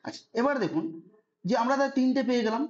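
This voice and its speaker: Speaking in an extremely high, animated voice at a racing pace, this man runs an online Sanskrit grammar class on a lo-fi recording. He lays out the rules patiently and often asks "ঠিক আছে" to make sure his students are keeping up.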